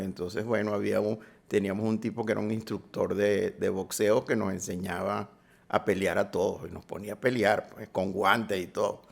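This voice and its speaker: Gravelly older man reminiscing. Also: fairly low pitch. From Venezuela. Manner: reminiscing, halting with restarts. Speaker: guest, sound designer. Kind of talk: interview storytelling.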